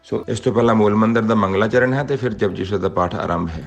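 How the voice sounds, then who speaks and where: Male teacher, low and gravelly, patient measured delivery. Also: muffled recording, faint music behind. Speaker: Gurbani grammar teacher. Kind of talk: explaining lesson in dialogue.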